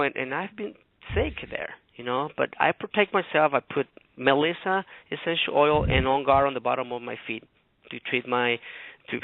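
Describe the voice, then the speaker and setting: A man's voice: medium pitch, gravelly, dry recording. Guy from ecuador, rambling story on a radio show, thin phone sound. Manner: chatty, rambling, animated retelling. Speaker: guest co-host. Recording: tinny phone line.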